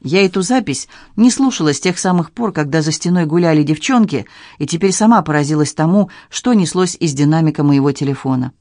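A male audiobook narrator with a somewhat high voice and a calm, measured delivery. The recording is dry and close, with no room sound. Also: dry recording. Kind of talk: scripted narration.

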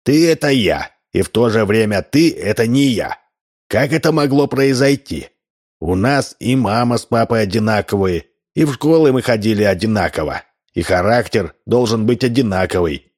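A man's voice: lowish voice, animated, normal speed, a little mellow. Narrator voicing a plain stubborn guy, blunt and indignant, everyday tone. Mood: insistent.

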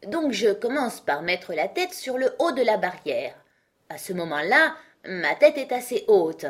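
A woman voicing an earnest, solemn male knight who is proud of his clumsy inventions, read in a breathy voice for a storybook. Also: medium pitch, very animated, a little slow. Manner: grave, proud, rambling explanations. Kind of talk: audiobook character reading.

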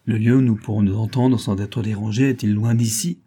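A man voicing a disguised detective playing a grumpy, haughty gentleman who grumbles curtly. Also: on the low side, steady tone, brisk. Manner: gruff, grumbling, curt.

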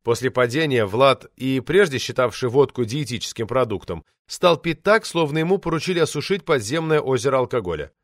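A male audiobook narrator reading in the first person with dry irony. His pitch rises and falls widely, and the close mic leaves the sound dry. He savours each wry turn of phrase. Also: brisk, hardly any pauses, no room sound. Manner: ironic, expressive storytelling.

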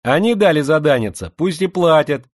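A man's voice: fairly high pitch, expressive, normal speed, dry recording, clean studio sound, pitched above the performer's own voice. A man voicing a lisping older schoolboy who talks in sugary diminutives and needles the others. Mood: needling. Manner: needling, mocking.

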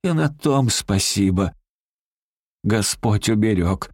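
Calm, pious old woman, as a man voices her. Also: lowish voice, slow pace, no echo, studio quality, exaggerated voice. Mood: calm reproach. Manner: calm, reproachful.

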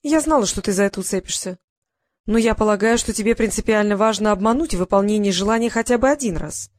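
A woman's voice: mid-range voice, no room sound, clean studio sound, natural voice. Woman reading as a shrewd commanding young heroine. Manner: cool, measured, quietly commanding. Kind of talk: audiobook character reading.

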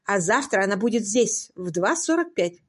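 A woman's voice: mid-range voice, very animated, moderate pace, slightly rough. A woman voicing a prim, imperious aristocratic lady who speaks in a haughty, exasperated, clipped way in an audiobook.

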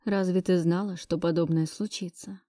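A woman's voice: fairly low pitch, fairly even intonation, moderate pace, warm tone, no room sound, clean studio sound, close to an everyday voice. A woman reading a brooding ex-boyfriend. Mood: soothing. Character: brooding possessive young man, the ex. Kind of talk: audiobook dialogue.

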